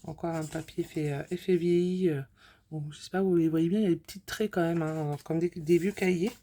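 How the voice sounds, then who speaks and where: A woman talking casually to camera as she shows and prices craft supplies, with lots of fillers and pauses. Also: fairly low pitch, steady tone, warm tone. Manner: chatty, many fillers, counts items aloud. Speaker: scrapbooking vlogger. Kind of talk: casual haul video talk.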